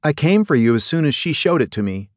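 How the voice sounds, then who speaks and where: A man voicing a pert young female museum docent who talks high, breathless and urgent. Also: big pitch swings, fast, no echo, clean studio sound. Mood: shaken.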